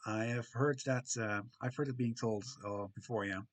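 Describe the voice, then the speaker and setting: A man chats with his live-stream viewers and reads comments out loud in a soft, calming mid-range voice at a moderate pace. His humour leans self-deprecating and the tone stays casual.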